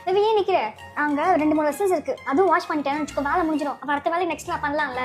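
A woman's voice: high-pitched, rapid-fire, faint music behind. A young woman acting a wife in a comedy skit, coaxing and then scolding her partner in a nagging way. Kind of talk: acted comedy skit dialogue.

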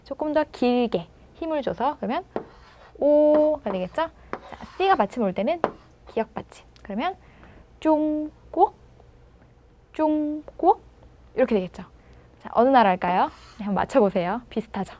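A woman teaching pronunciation in a video lesson, patiently prompting and sounding words out slowly. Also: on the high side, a little mellow, a little hiss or hum. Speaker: language teacher.

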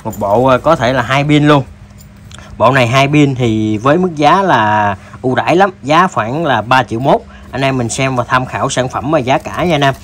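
A man with a southern Vietnamese accent giving a casual, halting sales demo, addressing viewers informally like buddies. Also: mid-range voice, fairly bright tone, a little hiss or hum. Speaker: tool seller presenting products.

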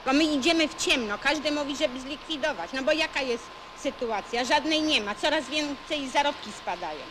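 High-voiced, blunt woman with hissy noise. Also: a little fast. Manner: blunt, colloquial complaining. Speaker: textile factory worker. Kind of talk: unscripted interview. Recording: hissy, noisy location sound.

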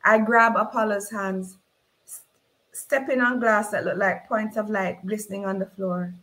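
Woman author, own novel read aloud, slow and measured, mid-pitched voice. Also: fairly even intonation, a bit bright, low-quality recording. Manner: slow, measured reading in dialect.

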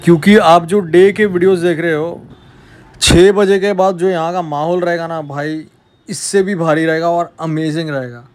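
एक युवा पुरुष ट्रैवल व्लॉगर, बाहर पर्यटन पार्क में कैमरे से बोलते हुए, उत्साह से बातें करता है और हिंदी में अंग्रेज़ी शब्द मिलाता है।. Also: male voice, fairly high pitch, normal speed, dry recording. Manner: chatty, excited, mixes English into Hindi. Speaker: travel vlogger. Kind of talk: casual travel vlog.

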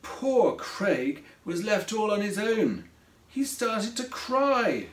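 An author reads his own children's storybook aloud, slowly and expressively, his pitch rising and falling with plenty of life. He sits a little way from the mic, and the room adds a noticeable echo.

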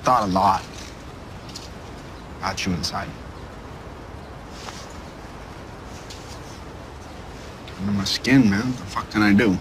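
An actor playing a brash, foul-mouthed young man from a rough family, blunt and streetwise, in a TV drama. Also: on the low side, normal speed, noisy background, close to an everyday voice. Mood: tender. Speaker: TV drama character.

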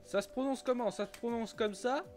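Casting: male game streamer, high voice, rambling casual chat over faint game music. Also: fairly quick, a little mellow. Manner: chatty, stumbling, repeats himself, swears casually. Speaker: Twitch streamer playing a kart racing game.

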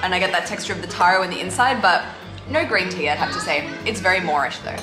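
A woman's voice: on the low side, expressive, fast. Young woman vlogger, bubbly, roomy dining room sound with music under it. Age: young adult. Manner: chatty and enthusiastic, laughs often. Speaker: food vlogger. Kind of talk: casual food vlog. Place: indoor restaurant dining room.

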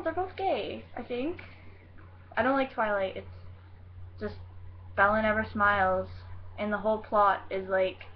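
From her bedroom at home, a teen girl talks into a webcam mic, answering questions in a scattered, hyper, giggly ramble. Her pitch sits in the middle range, and the recording sounds muffled with some faint background noise.

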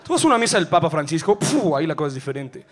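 A male stand-up comedian with a Mexican accent, delivering an animated, slangy live set on stage. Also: a little high, racing, slight background noise. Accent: Mexican Spanish. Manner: animated, slangy, acting out voices.

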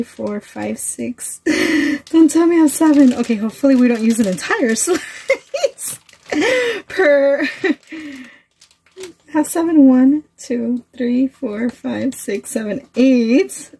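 Laughing often, a cooking vlogger chats casually to camera while cooking in her small trailer kitchen. Her voice is a little high with a warm tone. Recorded via a phone-plugged mic near the counter, the audio is poor, with a little hiss or hum.

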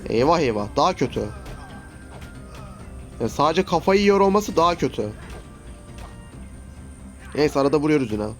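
Oyun oynarken sinirlenen genç adam. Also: male voice, a little high, big pitch swings, moderate pace, pauses often, soft background music. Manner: frustrated, swearing, exclaiming at the game. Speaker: gaming YouTuber. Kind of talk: casual gameplay commentary.

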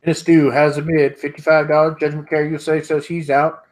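In a home room stocked with sports memorabilia, a middle-aged man hosts an online auction, his voice a little high and his delivery a little fast. He calls bids in a steady, repetitive rhythm and laughs often, recorded through an earbud headset on a video call.

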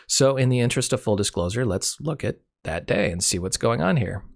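Losing his voice to a cold, this Michigan man hosts his channel, narrating a screen share off the cuff with self-corrections and dry wit. He talks a little fast in an expressive, creaky, medium-pitched voice.

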